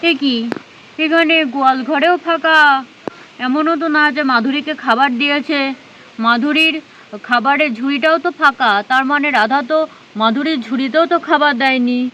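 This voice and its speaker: A woman's voice: sits high, moderate pace, bright, forceful tone, a little hiss or hum. A woman voicing a fussing elderly grandparent in a doll story, calling out and soothing a crying baby. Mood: searching.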